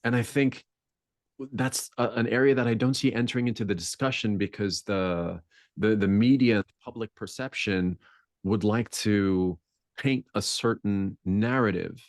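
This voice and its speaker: This podcast guest, a man with a deep voice, speaks at a measured pace in a reflective exchange, searching for the right words and pressing harder on key points. It's studio quality, free of room sound.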